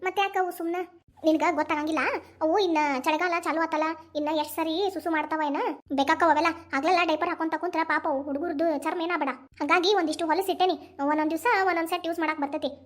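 Woman voicing a fussy cartoon mom, north karnataka accent, super high and rattling fast. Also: fairly even intonation. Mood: advising. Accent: North Karnataka Kannada. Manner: chatty, advising. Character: caring middle-aged mother, fussing over baby. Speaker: grandmother of newborn. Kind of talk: animated cartoon family drama dialogue.

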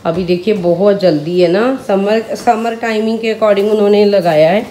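With medium pitch, normal speed and a mellow quality, her voice carries a slight hiss or hum. She's a mother and vlogger in her thirties with a sore throat, casually narrating as she films her home's kitchen and rooms on a phone held in hand. Viewers get addressed as friends.

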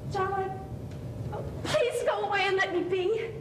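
A woman's voice: steady tone, measured pace. A woman in an amateur stage play acting an earnest, proud, easily flustered young woman in love. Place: theatre stage, indoors. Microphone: far camera. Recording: noisy, rumbling, echoey distant stage recording.

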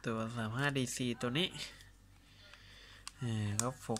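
A man talks through a film camera demonstration at an easy, everyday pitch, pausing with fillers and correcting himself as he goes. The recording has a faint hiss behind him, and the clicks of the camera's mechanisms are heard. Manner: relaxed and explanatory, with hesitant fillers and self-corrections. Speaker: camera reviewer. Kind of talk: casual hands-on gear demo.

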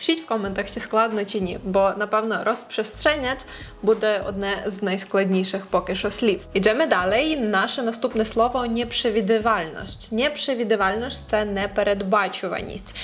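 A woman teaching an online language lesson, chatty and encouraging, slowing down to carefully over-enunciate hard words. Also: mid-range voice.

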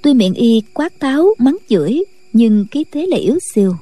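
A woman narrating a martial-arts novel in a steady, scripted late-night storytelling style. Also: on the high side, normal speed, no room sound. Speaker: audiobook narrator.

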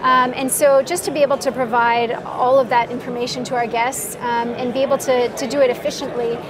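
A middle-aged woman being interviewed as a guest, explaining things in a measured way with frequent ums. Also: a little high, flat delivery. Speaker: mall IT director, guest. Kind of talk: conversational interview. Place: trade show booth, indoors. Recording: busy trade show hall with crowd noise. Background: crowd chatter of a trade show.

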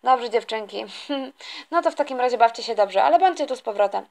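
A woman's voice: fairly high pitch, animated, gravelly, darkish tone. A woman doing a fussing toy-story mom. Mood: busy. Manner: hurried, fussing. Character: busy fussing mother calling family to dinner.

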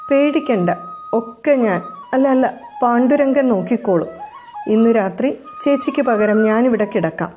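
A woman's voice: on the high side, expressive, a little slow, mellow, soft background music. A woman voicing a playful, mischievous little neighbor girl who teases and coaxes in a raised voice. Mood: sly, playful. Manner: teasing, coaxing.

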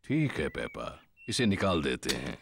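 A big, friendly cartoon father pig with a very deep voice. He speaks slowly and helpfully, swinging widely in pitch, over music. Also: sing-song, creaky, noisy background, full character voice. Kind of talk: children's cartoon dub.

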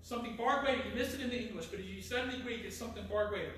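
A man preaching a sermon, reading scripture aloud and dropping low and slow at solemn lines. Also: a bit bright, a little hiss or hum. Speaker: pastor. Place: church sanctuary. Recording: echoey church sanctuary, mic at a distance.

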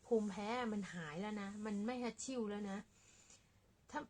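A woman vlogging casually about her cats in a small apartment room, talking softly and quietly in a relaxed, rambling way. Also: medium pitch, moderate pace. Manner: speaks softly and quietly to avoid disturbing neighbours; rambling and relaxed with many fillers. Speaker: cat owner vlogger. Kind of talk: casual chat to camera.

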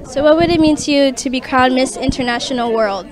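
A woman radio host asking quick, upbeat questions into a handheld mic at an indoor event. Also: high-pitched. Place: indoor event room by a banner. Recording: noisy crowd chatter behind.

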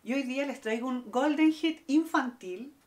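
A woman's voice: sits high, normal speed. A woman teaching a guitar lesson, explaining step by step and counting out the strums. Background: acoustic guitar playing.

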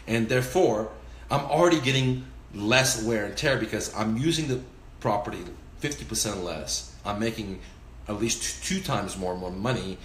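A man in his forties speaks straight into a close phone camera in a small, roomy-sounding room, his voice on the low side. He talks in a casual, profane, emphatic way, gesturing with his hands as he goes. A faint hum of ambience sits behind him. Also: moderate pace. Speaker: real estate investor. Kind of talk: casual instructional vlog. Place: indoors, small room by a window.

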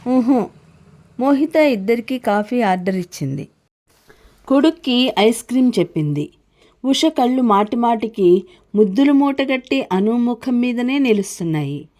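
A woman narrating a novel in a steady, expressive storytelling style. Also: fairly high pitch, moderate pace. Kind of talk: scripted narration.

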